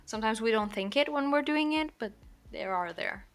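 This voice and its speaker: Drawing on a livestream, a woman from Portugal chats in English, a non-native language for her, with a Portuguese accent. Her voice is animated and a little high, and she talks fast and rambles, full of "like" and self-corrections.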